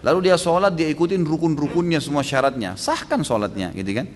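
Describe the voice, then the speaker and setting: A man preaching and answering questions at a religious study session, fast and emphatic, with many rhetorical questions. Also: on the high side, animated, in a large hall.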